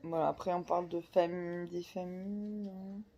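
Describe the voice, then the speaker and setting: A woman's voice: on the low side, steady tone, normal speed, dark tone. A woman chatting casually about a book she is reading, hesitant, with many fillers and restarts. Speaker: book vlogger. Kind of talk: casual chat about books.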